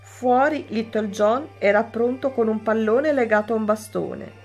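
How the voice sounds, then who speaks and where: A woman teacher reading a children's story aloud, slow and clear. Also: a little high, a little mellow, soft background music.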